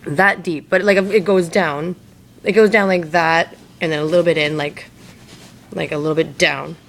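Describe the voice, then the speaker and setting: A woman's voice: low voice, fairly even intonation, moderate pace, creaky, fairly bright tone, slight background noise. A woman talking casually to camera in a hazy, wandering way, slangy and sweary, saying "like" often and drifting between thoughts. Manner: slangy and sweary, heavy use of "like". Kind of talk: casual rambling personal talk to camera.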